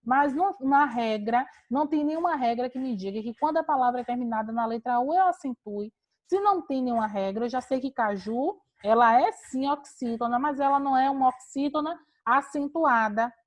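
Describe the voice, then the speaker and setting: A woman teacher leads an online class over a video call. Her voice sits a little high, and she explains patiently, step by step, asking rhetorical questions and answering them herself. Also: a little fast.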